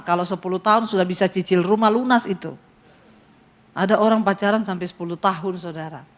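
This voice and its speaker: A middle-aged woman pastor from Sulawesi preaching a humorous sermon, joking and acting out the people she quotes. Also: mid-range voice. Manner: lively, joking, acts out quoted voices.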